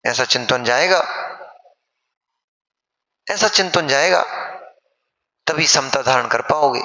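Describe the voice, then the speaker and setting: A man, a monk, giving an animated sermon and acting out wailing mourners. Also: fairly high pitch. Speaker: Jain monk preacher. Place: large sermon hall. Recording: echoey hall, dull lo-fi sound.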